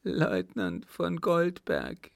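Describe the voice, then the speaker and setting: A woman's voice: lowish voice, sing-song, extremely slow, gravelly, dark tone, no room sound, clean studio sound, voice pushed up, full character voice. A man voicing a sobbing, distraught young woman. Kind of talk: audiobook character voice.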